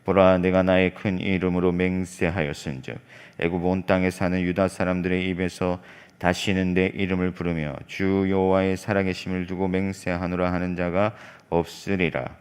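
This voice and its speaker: A man reading scripture aloud in church, with a solemn, measured and even recitation. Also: low voice, clear, resonant tone. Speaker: scripture reader.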